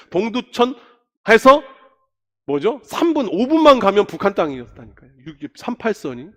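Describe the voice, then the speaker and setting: A middle-aged man preaches from the pulpit in a high, animated voice whose pitch swings widely. He talks conversationally and keeps asking the congregation questions. The long reverb of a church sanctuary trails behind every phrase. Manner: asks the congregation frequent questions. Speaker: pastor. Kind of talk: sermon.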